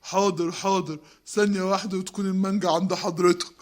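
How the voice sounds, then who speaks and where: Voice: medium pitch, little pitch movement, fast talker, lightly acted. Someone playing a polite Egyptian cafe waiter. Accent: Egyptian Arabic. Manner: formal, deferential. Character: polite cafe waiter who turns angry.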